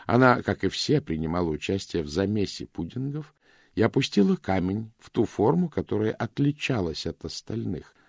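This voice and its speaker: A male audiobook reader gives a full character voice to a shrewd middle-aged detective, speaking calmly, measuredly and softly in a storytelling mood. The voice is deep and gravelly with a lively melody, recorded close and dry with no echo.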